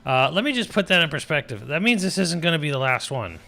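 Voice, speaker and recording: A man's voice: on the high side, very animated, fast, creaky, pushed and bright, faint music behind. A man streaming live, talking in a rambling, profane and sardonic way, restarting sentences often. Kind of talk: casual livestream commentary.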